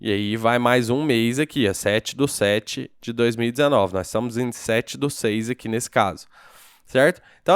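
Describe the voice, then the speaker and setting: A man's voice: medium pitch, smooth, no echo, studio quality. A man with a Brazilian Portuguese accent giving a casual programming screencast tutorial, thinking aloud and checking in with the viewer after each step. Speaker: programming teacher.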